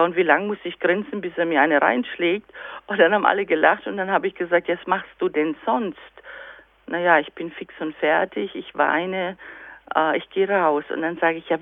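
A woman speaks as a guest on a radio program, her voice coming through a thin, phone-like line with a dry, close sound. Her tone has a gravelly edge. She tells stories with energy and plays both sides of the conversations she describes. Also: fairly low pitch, no room sound. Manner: lively storytelling, acts out dialogues. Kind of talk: radio interview.

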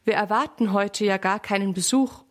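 A woman's voice: medium pitch, normal speed, lightly acted. A woman voicing a cheerful mother sheep in a children's story, talking in a friendly, polite, welcoming way.

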